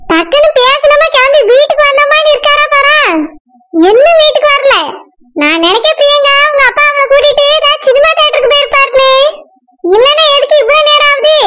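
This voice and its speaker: A woman voicing a scheming, sharp-tongued middle-aged village mother in a cartoon, with a Tirunelveli Tamil accent and a scolding manner. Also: very high-pitched, heavy background noise. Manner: scolding, nagging. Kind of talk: cartoon voice acting.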